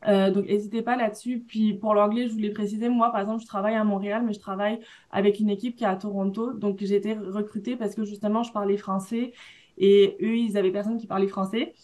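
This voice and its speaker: A woman with a French accent talks fast in a mid-range, slightly mellow voice with little pitch movement. As an alumna on a panel, she gives students direct, encouraging career advice.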